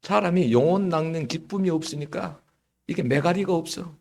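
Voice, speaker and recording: A middle-aged man preaching a sermon as pastor, slightly hoarse, telling stories in a lively way and often checking in with the congregation. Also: a little high, moderate pace. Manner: lively storytelling with frequent rhetorical "응?".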